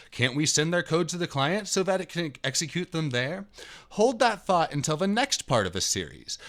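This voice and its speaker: A man in his thirties reads a written programming tutorial aloud as its host, sitting at a computer in an indoor room. His voice is on the high side and fairly bright, with an emphatic, somewhat dramatic delivery.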